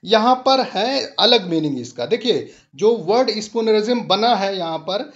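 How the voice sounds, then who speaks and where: A man's voice: sits high, expressive, measured pace, a bit bright, muffled recording. A man teaching a lecture-style lesson, explaining step by step and mixing English terms into his speech.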